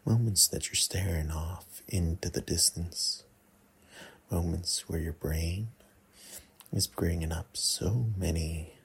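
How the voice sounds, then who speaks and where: Low husky guy doing ASMR role-play right up in your ear, super slow n teasing. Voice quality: breathy, husky. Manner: close, breathy murmur right in the listener's ear, slipping into soft voice; slow, coaxing, teasing delivery with many pauses. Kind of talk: intimate ASMR role-play, erotic ASMR audio. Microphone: close mic.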